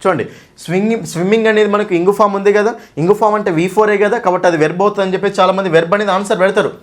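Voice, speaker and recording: Fast-talking male teacher. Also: sits high, steady tone. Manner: asks questions and answers them himself, frequent "okay?" and "right?"; addresses students fondly as "nanna". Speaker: English teacher. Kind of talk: exam-prep grammar lesson.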